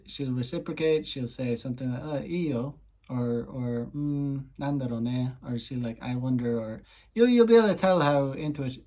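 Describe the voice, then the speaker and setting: An Irish dating coach with a warm, mid-range voice rambles casually in an explanatory vlog, offering dating tips. He leans on "you know" a lot and slips in simple Japanese phrases, translating each one.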